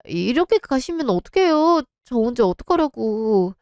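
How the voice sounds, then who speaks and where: A woman's voice: on the high side, big pitch swings, normal speed, a little mellow, no room sound, clean studio sound. A woman voicing a distraught young wife and daughter, emotional and pleading. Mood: desperate.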